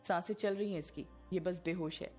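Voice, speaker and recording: A woman's voice: fairly low pitch, steady tone, a little fast, darkish tone, soft background music, close to an everyday voice. Woman playing a stern woman police officer. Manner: firm, commanding, thoughtful.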